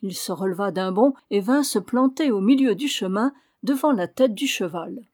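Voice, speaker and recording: A woman reading a classic adventure novel aloud in a measured storytelling manner. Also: mid-range voice, lively intonation, a little mellow. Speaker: audiobook reader. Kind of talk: scripted narration of a novel.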